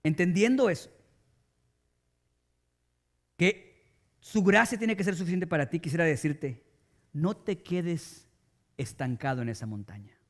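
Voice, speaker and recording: A man's voice: fairly high pitch, expressive, measured pace, long pauses. A male pastor preaching a sermon with emphasis, speaking straight to his congregation. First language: Spanish.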